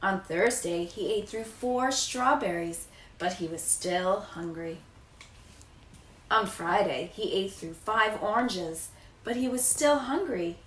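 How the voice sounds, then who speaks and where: With a medium-pitched, slightly bright voice, a thirtysomething American teacher takes her time reading a children's picture book aloud. The living room recording comes from a camera a few feet away, sounding distant and echoey with some faint noise.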